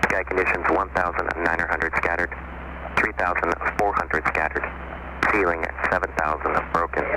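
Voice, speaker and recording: A man reading an airport weather broadcast heard over an aircraft radio, in a flat, clipped readout. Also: deep voice, normal speed. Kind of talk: recorded airport information broadcast. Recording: radio broadcast under loud helicopter engine noise.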